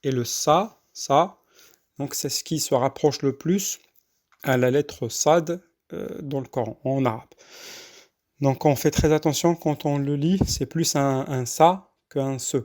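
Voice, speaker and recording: A man teaches correct Quran recitation at a measured, mid-pitched level. His explanations come in broken phrases full of hesitations. He slows right down to recite the verses, drawing out their long sounds. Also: darkish tone. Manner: halting explanations with many fillers, then slow drawn-out recitation. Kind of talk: tajwid lesson with recitation.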